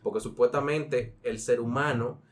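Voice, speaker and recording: A man's voice: mid-range voice, steady tone, normal speed. A man with a Dominican accent in casual comedic chat among friends, co-hosting with slangy, sweary, rambling storytelling. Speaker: podcast co-host.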